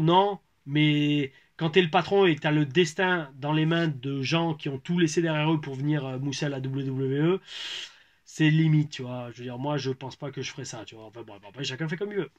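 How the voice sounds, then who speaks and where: A man's voice: on the high side, lo-fi sound. A man, a former pro wrestler from France, chatting casually as he reads out viewer questions and answers them. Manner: loose, conversational, reads questions aloud, many fillers and restarts. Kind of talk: casual Q&A chat.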